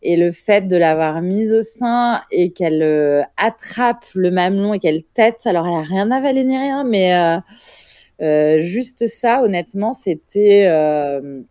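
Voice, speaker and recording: A woman's voice: lowish voice, animated, unhurried, dark tone, smooth, dry recording, lo-fi sound. A young woman, a mother and guest, telling a story in frank, casual talk with the odd swear word. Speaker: guest, mother of a premature baby. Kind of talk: casual storytelling in a podcast chat.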